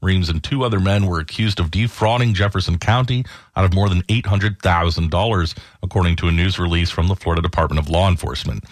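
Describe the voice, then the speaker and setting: Headlines are read from a script by a very low-voiced male radio anchor, his delivery steady and measured like a newsreader's. There is no room sound; the studio recording is close and dry.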